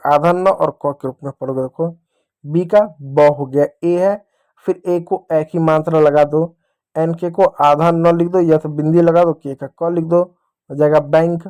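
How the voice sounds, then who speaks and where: Addressing the children directly, a patient male Indian phonics teacher repeats himself as he goes through the lesson. He has a slightly high voice with a warm tone.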